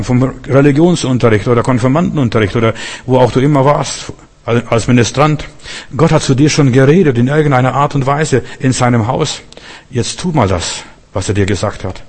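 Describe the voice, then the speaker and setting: A man preaching with earnest conviction, his voice at an ordinary middle pitch. He swings from loud, emphatic lines to quiet asides and stumbles over words when excited. A long reverb trails his voice, as in a large hall. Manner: earnest, lively preaching with sudden loud emphases and soft drops; stammers and restarts when excited. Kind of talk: sermon.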